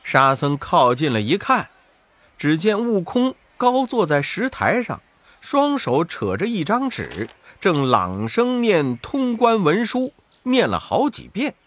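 A man telling a children's story in an expressive, sing-song way. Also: high voice, slow pace.

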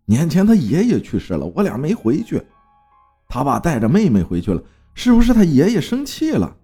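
A man putting on a shrill panicked mother. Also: wildly swooping pitch, a little fast, breathy edge, faint music behind, heavily acted. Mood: alarmed. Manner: shrill, urgent shouting. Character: frightened scolding mother, middle-aged woman.

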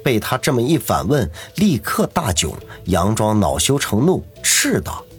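A man narrating an audiobook novel in a steady storytelling manner. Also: lowish voice, a little slow, faint music behind. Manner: steady storytelling, doing every character.

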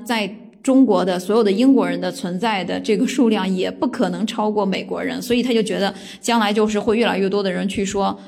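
A woman from China telling a personal story in a casual monologue, relaxed and rambling with frequent thinking pauses. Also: medium pitch. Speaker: vlogger.

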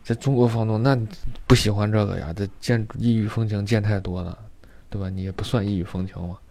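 A man's voice: on the low side, fairly even intonation, brisk, dark tone. A man telling a story in a rambling, casual way, repeating words often. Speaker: vlogger.

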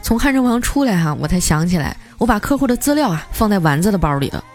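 A woman host telling scripted comic stories in a playful, lively way. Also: mid-range voice, quick pace, soft background music. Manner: lively, playful, often laughing through punchlines. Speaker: radio comedy host.

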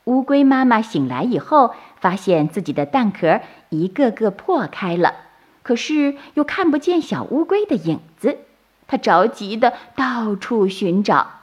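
A woman reading a bedtime story to children, in a slow, soothing and expressive way. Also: mid-range voice, breathy edge, dull audio.

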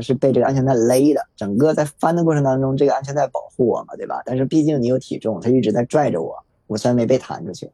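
Quick-talking man telling a hard memory. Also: medium pitch, mellow, breathy edge, no room sound. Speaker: podcast guest sharing a personal story. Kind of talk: emotional personal storytelling.

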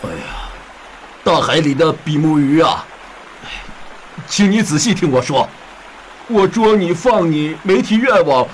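A woman's voice: fairly low pitch, sing-song, a little slow, slight background noise, poor audio. A woman voicing a meek, worried old fisherman in a fairy tale, hesitant and pleading with many sighs. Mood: timid.

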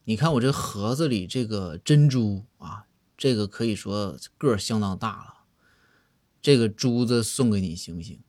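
A man's voice: on the low side, normal speed, a little mellow, close to an everyday voice. A man voicing a scheming old court minister who complains emphatically in a comic story. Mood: indignant. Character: scheming old male grand tutor, accusatory.

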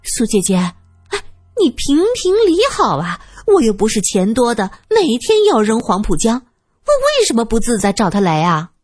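Spoiled, bullying young woman, voiced by a woman, high and shrill, husky edge, wheedling and sneering in turns. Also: big pitch swings, a little slow, no echo, studio quality, faint music behind, heavily acted.

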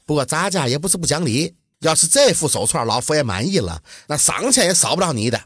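A man doing a shrill, bossy palace eunuch. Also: sing-song, quick pace, slightly rough, no room sound, studio quality, heavily acted. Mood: threatening. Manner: high, loud and bossy. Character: arrogant domineering male palace eunuch.

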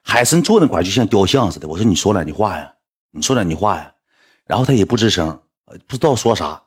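A man with a Northeastern Chinese accent telling a rambling anecdote in a casual, animated way, breaking into mocking high-pitched rants. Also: fast, slightly rough. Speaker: storyteller.

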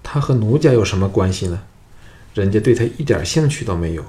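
A man's voice: on the low side, lively intonation, fairly quick, warm tone, lightly acted. A man voicing a seductive, cunning captive noblewoman in an audiobook, speaking in a coy, coaxing way. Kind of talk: audiobook character voice.

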